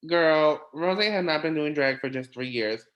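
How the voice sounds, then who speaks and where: A man in his twenties hosting a casual recap chat, animated, acting out quotes in a higher voice. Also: moderate pace, muffled recording. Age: 20s. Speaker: podcast host.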